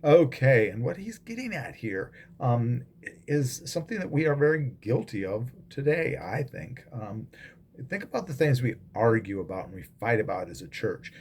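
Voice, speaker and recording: A man's voice: medium pitch, very animated, moderate pace, darkish tone, slightly rough. A man, a pastor, giving a casual devotional talk with frequent ums and restarts, recorded as a phone video.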